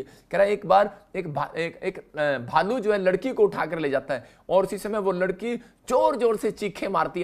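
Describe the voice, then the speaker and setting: A male pastor preaching a live morning prayer sermon, repeating his refrains and swinging between loud calls and low murmurs. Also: vocal fry.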